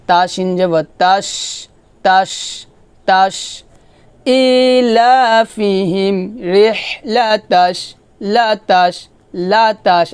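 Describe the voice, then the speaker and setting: A man teaching a Quran spelling lesson. He recites syllables slowly and drawn out, repeats them for learners to echo, and explains rules in quick bursts between them. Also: high voice, a little mellow, smooth.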